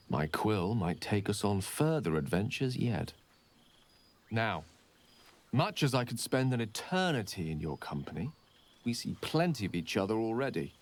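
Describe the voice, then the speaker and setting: An actor playing Gale, an eloquent, warm male wizard turned academic, speaking in an articulate, gently wry manner. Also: fairly low pitch. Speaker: game character. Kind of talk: video game voice acting. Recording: game audio with clear music behind. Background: music.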